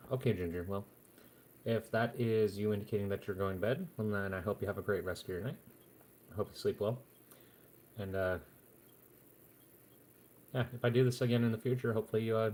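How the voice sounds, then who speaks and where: A man's voice: lowish voice, darkish tone, a little hiss or hum. A man chatting casually to viewers on a live stream at home, rambling along with plenty of fillers and restarts.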